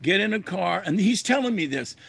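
An older man, a musician, telling a long anecdote in casual chat, rambling and animated, acting out the dialogue as he goes. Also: high voice, a little fast, vocal fry, slightly rough, dry recording. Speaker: musician guest. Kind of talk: casual storytelling.

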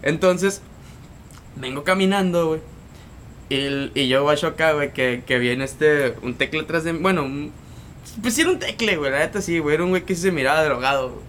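A man's voice: on the high side, brisk, fairly bright tone, slight background noise. A young man, telling a street story in a casual podcast chat, full of slang and repeated words. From Mexico. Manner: slangy, repeats words and tags lines with "güey". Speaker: podcast co-host.

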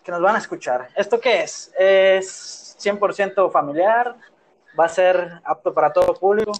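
A man from Yucatán, Mexico, with a Yucatecan accent co-hosts a casual podcast, playful and rambling, recorded on his phone in his own room. His voice is high-pitched at a moderate pace, with a little hiss or hum.

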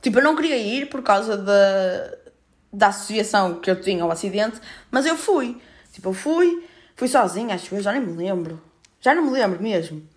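A young woman in her twenties speaks with a European Portuguese accent. She talks fast and informally, packing her story with fillers and frequent swearing. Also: medium pitch, lively intonation. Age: 20s. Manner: rapid, filler-heavy, swears freely. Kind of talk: casual personal storytelling.

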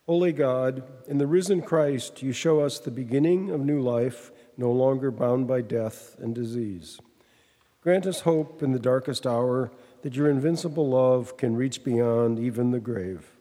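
A man leading a formal read prayer in measured, reverent phrases in a large church. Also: medium pitch, dark tone, big-room sound. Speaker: worship prayer leader.

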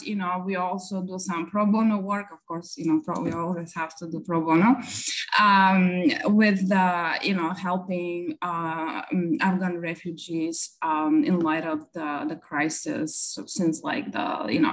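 A woman from Bulgaria, an immigration attorney, answering interview questions casually with many pauses and fillers and a light laugh. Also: fairly low pitch.

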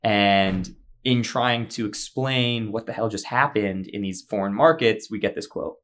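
A man's voice: on the low side, unhurried, a bit bright. A man on a casual podcast, explaining eagerly with frequent fillers.

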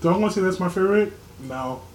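A young man talks casually as a podcast co-host, his voice sitting a little high and breaking into laughter as he acts out scenes from his stories. The room is echoey, and a faint ambient hum sits behind him. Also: lively intonation, quick pace. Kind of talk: casual chat.

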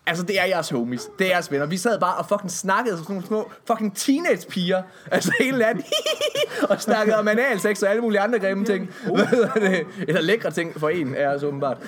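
A young man hosting a casual podcast chat, excitable and crude, laughing often and repeating a filler phrase. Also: sits high, few pauses. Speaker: podcast host. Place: school building at a gaming party.

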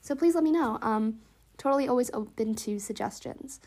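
A woman's voice: a little high, animated, moderate pace, mellow. A woman hosting a casual solo podcast in a chatty, upbeat, informal way, sounding stuffed up and slightly wheezy. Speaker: podcast host.

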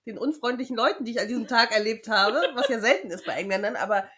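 A woman co-hosting a casual chat podcast, talking in a frank, emphatic way with pauses and fillers. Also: on the high side, a bit bright. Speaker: podcast co-host.

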